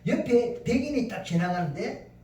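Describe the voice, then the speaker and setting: Booming high-voiced male preacher, echoing hall. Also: animated, moderate pace, warm tone. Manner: emphatic, storytelling, acts out quotes. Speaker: pastor. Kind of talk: sermon. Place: church sanctuary. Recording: very echoey church hall from far off.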